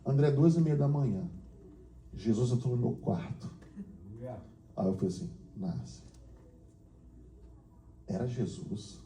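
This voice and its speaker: Um pastor contando um testemunho na igreja, narrando com emoção e imitando as falas das pessoas da história, ora baixo, ora animado. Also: male voice, medium pitch, moderate pace, long pauses, reverberant, slight background noise. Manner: storytelling, acting out dialogue, shifting from hushed to excited. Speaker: pastor and missionary. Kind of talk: testimony sermon. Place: church.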